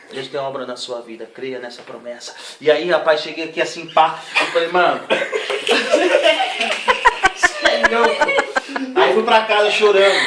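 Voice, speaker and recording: A young man giving an animated, slangy spoken testimony in a church setting. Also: fairly high pitch. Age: young adult. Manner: slangy, animated storytelling with voiced impressions. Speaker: testimony giver. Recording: echoey room, distant mic, noisy.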